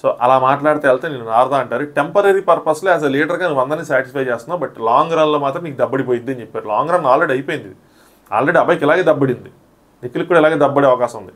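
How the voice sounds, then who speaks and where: Fast-talking man recapping a show. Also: medium pitch. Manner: animated, re-enacts contestants' quotes. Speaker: reality show reviewer.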